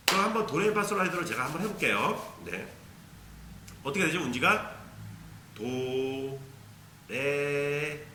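A man's voice: high-pitched, sharp tone, roomy sound, a little hiss or hum. A man teaching a beginner ocarina lesson, patiently explaining and demonstrating tonguing syllables aloud. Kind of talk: instructional video lesson.

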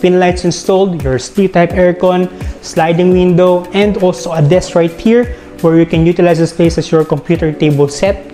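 A man with a Filipino accent narrates a property tour, strolling from room to room and ticking off fixtures with little tags like "yan" and "no". His voice sits a bit high for a man. The sound rings through large, bare rooms, with soft music playing underneath. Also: fairly even intonation, moderate pace, roomy sound, in a large hall. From Philippines. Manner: walking while narrating, listing features with frequent "yan" and "no" tags. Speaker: real estate tour guide. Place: large empty house, indoors.

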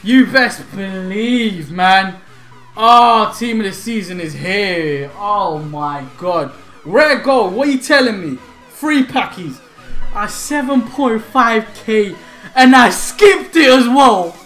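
He speaks slowly in a high voice with lively intonation, a young man commenting excitedly as he opens game packs. This gaming YouTuber is hyped, loud and laughing, tossing out slangy banter in a small room at home while faint music plays.

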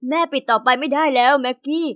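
A woman voicing a tired mother in an animated story, speaking in a weary, confessing way. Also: high voice, fast talker, smooth, dry recording, close to an everyday voice.

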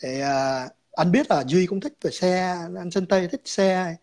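A man's voice: high-pitched, a little slow, a little mellow. A man calling in to a chat, explaining his views in a rambling way, repeating words and slipping in English terms.

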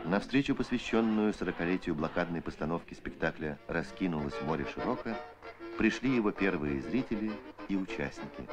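A man with a deep voice narrates in the manner of an old Soviet newsreel. His delivery is scripted, solemn and measured, with a declamatory documentary tone. Music plays clearly behind him on the archival soundtrack. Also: lively intonation.

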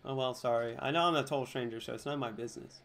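A man reading the lines of a kind, caring adult man in his own gentle, earnest voice. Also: medium pitch, racing, a little hiss or hum, close to an everyday voice. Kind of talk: reading game dialogue aloud.

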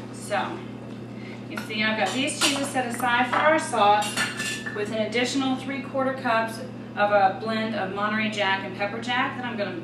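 In a roomy, noisy kitchen recording, an American woman whose voice runs on the high side addresses viewers directly in a chatty, instructive way. She's a cooking show host and chef doing a casual demonstration at the stove of a home-style indoor kitchen. The mic sits far off, picking up loud kitchen noise: sizzling, clattering pots and stirring.

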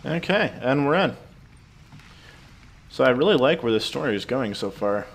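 A man giving casual game commentary, relaxed and thinking aloud. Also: mid-range voice, normal speed, gravelly, husky. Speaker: let's play gamer.

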